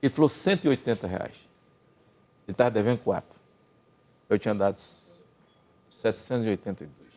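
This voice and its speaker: An older Brazilian man telling a long personal story in casual chat, acting out the dialogue with lively swings in his voice. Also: lowish voice, fairly quick, long pauses. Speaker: gospel singer and senator telling a story.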